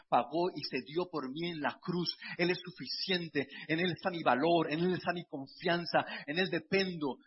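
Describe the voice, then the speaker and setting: High-voiced husky pastor preaching. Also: male voice. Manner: conversational preaching, personal anecdotes, repeated restarts. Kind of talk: sermon. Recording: dull lo-fi sound.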